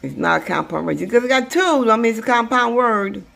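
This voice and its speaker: A woman teaching a phonics lesson, sounding words out slowly and repeating them, with casual grammar. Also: a little high, lively intonation, creaky, fairly bright tone. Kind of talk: slow, drawn-out phonics lesson.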